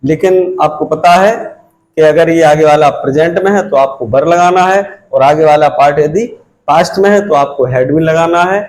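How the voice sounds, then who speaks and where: A man's voice: fairly high pitch, moderate pace, darkish tone, poor audio. A man teaching an English grammar lesson, explaining step by step and repeating key phrases as he points to the board. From India.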